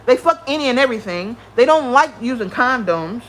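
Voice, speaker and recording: A woman hosts a livestream. She rants in a profane, animated way and talks straight to her chat. A faint noise sits under her voice. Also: fairly high pitch, a little fast, low-quality recording. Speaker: livestream host. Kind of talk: ranting livestream commentary.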